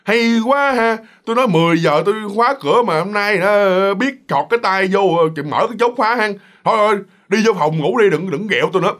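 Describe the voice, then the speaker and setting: A man's voice: sits high, animated, fairly quick, hardly any pauses, a bit bright, voice pushed up. A man with a Southern Vietnamese accent voicing an irritated middle-aged wife who scolds her drunk husband, nagging and repeating herself. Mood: annoyed.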